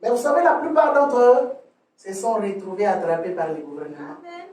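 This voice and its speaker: A man pastor delivering a sermon, preaching emphatically with sudden swings from loud to soft and often repeating words as he restarts a phrase. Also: high-pitched, big pitch swings, brisk, distant mic. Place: church hall. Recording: echoey room, voice from off the mic.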